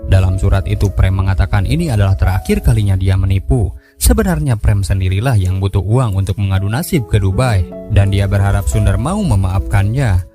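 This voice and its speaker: A man giving a scripted storytelling narration of a film recap. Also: sits low. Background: background music.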